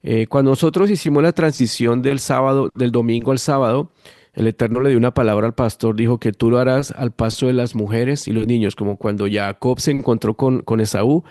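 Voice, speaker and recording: Colombian pastor in his 50s, Bogotá accent, animated testimony, dry close sound. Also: mid-range voice, fairly quick, no echo. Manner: lively animated storytelling, acting out quoted voices. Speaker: guest pastor. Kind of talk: storytelling testimony.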